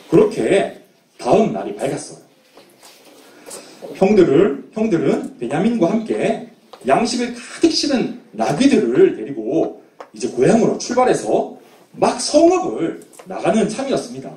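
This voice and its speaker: A male children's preacher tells a Bible story with a high, swooping voice. His tone is mellow, and the room is echoey, with the mic set some way off. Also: recorded from a distance, a little hiss or hum. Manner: animated storytelling.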